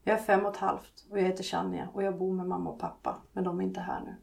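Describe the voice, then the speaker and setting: A woman's voice: on the low side, little pitch movement, gravelly, a little mellow, recorded from a distance. A woman reading from her book, voicing a frightened, homesick little girl of five and a half. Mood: chatty. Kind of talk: read-aloud storybook passage.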